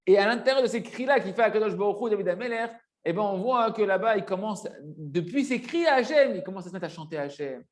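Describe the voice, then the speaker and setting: Man, high-pitched voice, religious teacher, explanatory lesson, emphatic, didactic, repeats key phrases. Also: expressive, fast, hardly any pauses.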